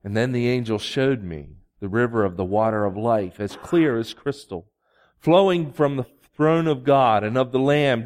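A man preaching as a pastor, reading scripture and speaking to a congregation in a deliberate, pausing way. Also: medium pitch. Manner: slow, deliberate, with long pauses.

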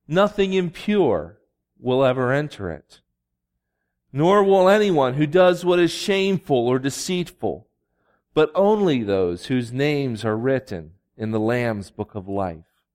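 A man preaching as a pastor, reading scripture and speaking to a congregation in a deliberate, pausing way. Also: mid-range voice, expressive, darkish tone. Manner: slow, deliberate, with long pauses.

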